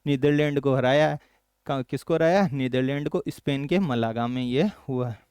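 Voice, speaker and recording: Male teacher quizzing students, crisp voice. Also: no room sound. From Rajasthan, India. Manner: quizzes students with quick questions, then answers in a low, softer voice. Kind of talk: exam-prep current affairs lesson.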